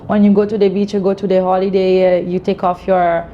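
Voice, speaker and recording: A woman's voice: medium pitch, little pitch movement, fairly quick, warm tone, muffled recording, a little hiss or hum. A woman in her late twenties with an Italian accent, giving casual interview answers in informal non-native English peppered with "you know". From Italy. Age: late 20s. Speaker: interviewee, fashion model.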